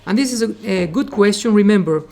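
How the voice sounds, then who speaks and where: Teaching a live coding class, this Caribbean-born native Spanish speaker from Latin America speaks with a Caribbean Spanish accent in an expressive, fairly quick, dark-toned voice of medium pitch. As a programming instructor he goes step by step, encourages students and keeps repeating "remember" and "okay".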